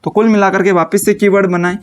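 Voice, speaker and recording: A young man, teaching a class, asking questions and answering them himself, slowing down to dictate notes. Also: high-pitched, level tone. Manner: dictates slowly while writing notes. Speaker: Hindi teacher. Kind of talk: classroom lecture.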